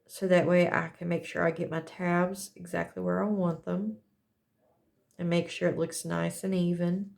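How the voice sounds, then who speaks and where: A woman's voice: on the low side, creaky. A woman chatting casually as she demonstrates a craft setup, talking in a folksy way and correcting herself as she goes. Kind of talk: casual how-to chat.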